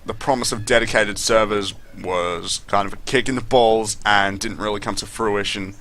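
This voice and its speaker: A man's voice: fairly low pitch, fairly even intonation, normal speed, fairly bright tone, slight background noise. A man doing casual gameplay commentary, complaining and swearing in a disgruntled way. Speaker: gaming commentator.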